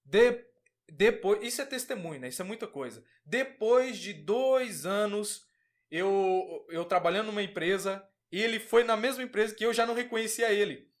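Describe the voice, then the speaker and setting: A man's voice: sits high, animated, normal speed. A man casually telling a personal religious testimony, earnest, acting out the dialogue as he goes. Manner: earnest storytelling, acts out quoted dialogue. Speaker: podcast guest giving testimony.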